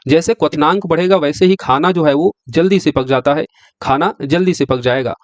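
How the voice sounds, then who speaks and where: A man's voice: fairly high pitch, normal speed, no room sound. A male teacher giving an exam-prep science lecture who keeps asking the class questions and answering them himself. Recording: dry, slightly dull lo-fi sound.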